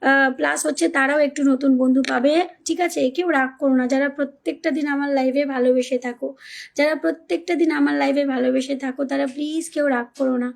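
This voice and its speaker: A woman's voice: high voice, fairly even intonation, brisk, vocal fry. A woman hosting a casual live stream, reading out viewer comments and coaxing viewers in a pleading, repetitive way. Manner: pleading, coaxing viewers, repeats names and phrases.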